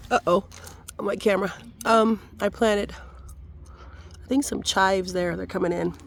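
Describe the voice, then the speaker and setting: A woman hosting a casual tour of her home garden outdoors, her voice raspy from a cold, upbeat and thankful as she points things out. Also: medium pitch, steady tone, unhurried, slight background noise. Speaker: gardening vlogger.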